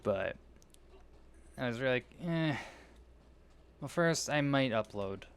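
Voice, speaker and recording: A man's voice: medium pitch, normal speed, creaky, clean tone. A young man giving rambling, casual commentary while playing a video game, often losing his train of thought. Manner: rambling, meandering, self-interrupting. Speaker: gaming video creator.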